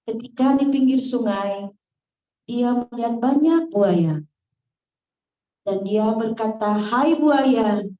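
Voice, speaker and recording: A woman attendee, called up on the spot, tells a children's fable slowly and carefully at a training workshop. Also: a little high, expressive, mellow. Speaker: workshop participant. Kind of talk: reading a fable aloud on the spot. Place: training hall. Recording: distant, echoey, dull lo-fi.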